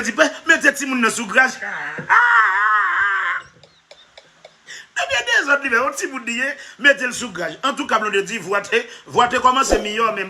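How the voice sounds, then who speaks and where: A man's voice: very high-pitched, sharp tone, slight background noise. A man giving a comic monologue, emphatic and repetitive, often half-laughing as he talks. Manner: emphatic, repetitive, keeps addressing "monsieur". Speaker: comedy vlogger.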